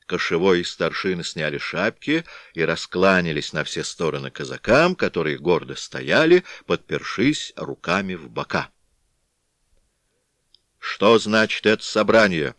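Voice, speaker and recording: A man narrating a classic story in a scripted, expressive storytelling manner. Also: deep voice, normal speed, few pauses, dry recording, studio quality. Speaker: audiobook narrator.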